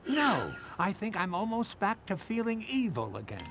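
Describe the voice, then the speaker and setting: A man's voice: high-pitched, wildly swooping pitch, crowd noise, full character voice. A man voicing a whiny, blustering evil bubble creature in a cartoon game, theatrically drawing out his words. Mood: gloating. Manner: theatrical, drawn-out whining and gloating. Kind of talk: cartoon video game acting.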